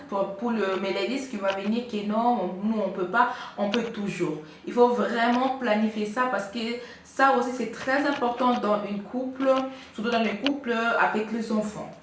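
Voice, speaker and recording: A woman giving couple advice in a casual vlog, chatty and full of hesitations. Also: medium pitch. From Congo. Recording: echoey room, faint noise.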